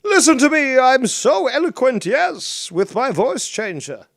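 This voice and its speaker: A man speaking through a voice changer that pitches his voice up, mockingly playing a rival who boasts about how eloquent he sounds. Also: sing-song, unhurried, vocal fry, no echo, heavily acted. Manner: sneering, sarcastic mockery. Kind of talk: livestream commentary.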